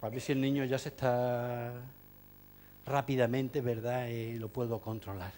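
A man's voice: mid-range voice, flat delivery, measured pace, a little mellow, slight background noise. A man giving an ironic, joking talk to teachers, full of asides and fillers. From Spain. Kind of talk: humorous lecture to an audience.

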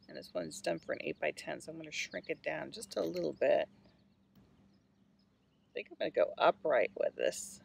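A middle-aged woman chats away while she paints from a kayak out on a lake, thinking aloud and laughing at her own struggles. Her voice has a gravelly edge. She sounds warm from the sun and a bit winded, with a soft hiss of open-air noise behind her phone mic. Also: on the low side. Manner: chatty, self-deprecating, thinking aloud. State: hot, slightly out of breath. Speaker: watercolor artist. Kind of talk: casual chat while painting. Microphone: phone camera held in hand.

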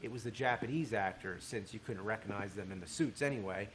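A man's voice: fairly low pitch, brisk, a bit bright, slight background noise, low-quality recording. A man narrating a video essay in a conversational way, with wry asides. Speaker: commentator.

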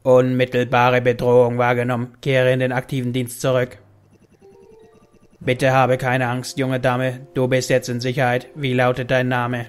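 Guy doing a calm protective game robot, formal n mechanical, bit of music behind. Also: medium pitch, normal speed, clean tone, close to an everyday voice. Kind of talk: acted video game dialogue read aloud.

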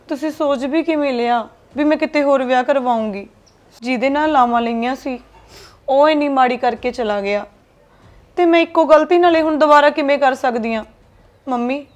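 A woman playing a young deserted wife who speaks gently and with sorrow. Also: high-pitched, close to an everyday voice. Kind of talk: family drama acting.

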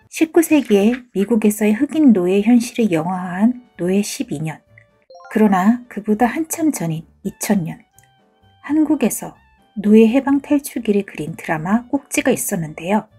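A woman narrating a drama recap in a soft, breathy, half-whispered scripted delivery. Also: mid-range voice.

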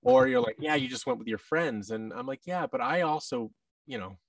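An American voice actor in his thirties chats casually as a podcast guest on a video call, often restarting and acting out snippets of dialogue. His medium-pitched voice is lively at a normal pace, sounding dry and distant from his boom-arm headset mic in a large indoor room with tables.

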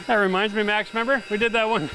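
High-voiced man teaching basement renovation. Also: fast talker, background noise. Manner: energetic, explanatory, addresses viewer directly. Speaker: renovation instructor. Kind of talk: hands-on DIY instruction. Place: unfinished basement under renovation.

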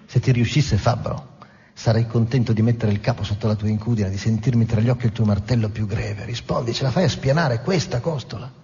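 A man's voice: mid-range voice, fairly quick, mellow, close to an everyday voice. A man reading as a fierce, obsessed old sea captain. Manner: intense, fierce questioning. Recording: dull recording in a long-reverb hall.

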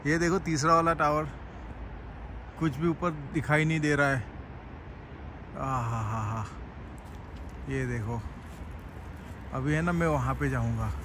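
A man from Gujarat, India, films a walking tour vlog and keeps excitedly telling viewers to look around. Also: fairly high pitch, measured pace, long pauses, background noise. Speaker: travel vlogger. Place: underground cafe, then outdoors on city streets. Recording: music playing behind the voice.

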